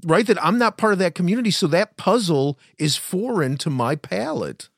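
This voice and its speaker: A man's voice: sits high, lively intonation, moderate pace, vocal fry, no echo, clean studio sound. A man hosting a casual conversation, informal and questioning, with a skeptical way of responding.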